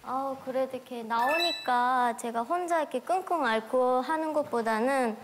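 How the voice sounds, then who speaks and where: A woman's voice: high voice, normal speed. A woman talking casually and frankly as a guest on a studio talk show. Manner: blunt, frank. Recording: music behind the voice.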